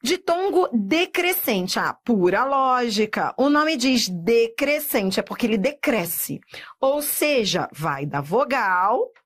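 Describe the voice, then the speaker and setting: A woman teaching Portuguese grammar in a video lesson, lively and emphatic, drawing out example words and checking in with the viewer. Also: a little high, slow pace, husky. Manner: asks rhetorical checks to the viewer.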